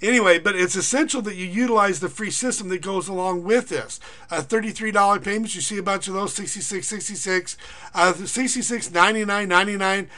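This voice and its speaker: This casual screen-recorded sales pitch comes from an online income marketer and teacher whose voice is high and bright. He rambles, leans heavily on filler, and runs through figures in a fast list.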